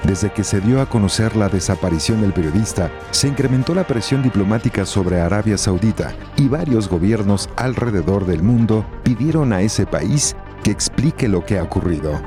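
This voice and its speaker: A man reading scripted documentary narration in the manner of a true crime news report. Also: lowish voice. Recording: music bed under the voice. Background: music.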